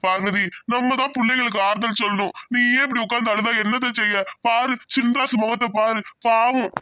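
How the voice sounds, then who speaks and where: A man's voice: very high voice, steady tone, brisk, bright, forceful tone, a little hiss or hum. An actor playing an elderly village landlord and grieving grandfather in a cartoon drama, consoling and commanding. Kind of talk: Tamil cartoon drama voice acting.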